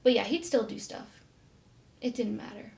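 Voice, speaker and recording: A young woman in her twenties, telling her own story to camera in a soft, halting way, often trailing off quietly. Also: a little high, creaky.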